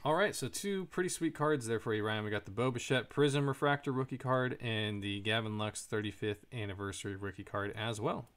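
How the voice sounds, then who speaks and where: A man's voice: fairly low pitch, a little fast, hardly any pauses, fairly bright tone. A man hosting a casual live card break, reading out card names and chatting with viewers.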